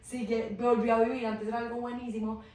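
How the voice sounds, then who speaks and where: A woman podcast host, chatting casually, telling personal stories and quickly agreeing with her guest. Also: a little high, level tone, a little mellow. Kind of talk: casual chat. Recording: roomy echo, mic at a distance, faint hiss.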